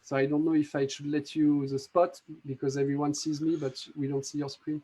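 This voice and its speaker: Halting, higher-pitched man with a French accent. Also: little pitch movement, dark tone, husky. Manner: explanatory, halting with frequent restarts and fillers. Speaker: app developer demonstrating a magic trick. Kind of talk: live video Q&A demonstration. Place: home in a city. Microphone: video call.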